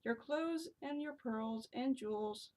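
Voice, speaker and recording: A coaxing talking frog from a fairy tale, spoken in a fairly high voice by a woman reading aloud. It is a slow, gently bargaining storybook delivery. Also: recorded from a distance, poor audio.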